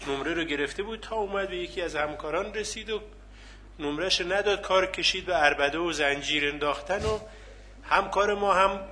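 A man's voice: sits high, sharp tone. A man, a university colleague, telling an anecdote from campus. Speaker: university colleague, guest speaker.

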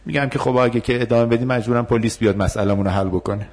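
A man's voice: mid-range voice, fairly even intonation, darkish tone. A man, a university counselor, explaining assertiveness techniques and acting out the dialogues. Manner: explanatory, acts out both sides of dialogues. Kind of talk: lecture with role-play demonstrations.

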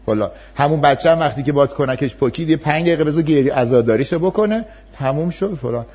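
A man's voice: fairly high pitch, expressive, a little mellow, breathy edge. A man giving an explanatory talk to an audience on parenting and empathy, acting out parent and child voices in his examples.

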